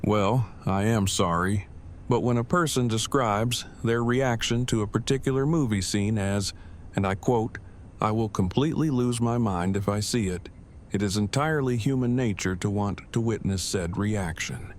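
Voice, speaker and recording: Low-voiced, formal, wordy Eugene, acted by a man. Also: normal speed, lightly acted. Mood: dry, formal. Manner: stilted, wordy, formal, deadpan. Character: Eugene, formal, verbose, earnest nerdy man. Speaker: voice actor in a fan audio drama. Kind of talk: acted audio drama dialogue. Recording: faint background ambient noise.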